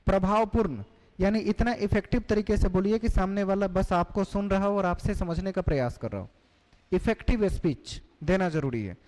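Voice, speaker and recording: A man's voice: high-pitched, moderate pace, a little mellow. A male teacher giving a classroom lecture, explaining terms and putting questions to the class. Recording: long hall reverb.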